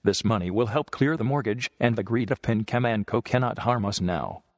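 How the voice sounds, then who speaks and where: A man voicing a gentle, proud old farm mother in a read-aloud story, speaking softly. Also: on the low side, normal speed, no echo, long reverb tail, dull audio. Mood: tender. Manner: soft-spoken.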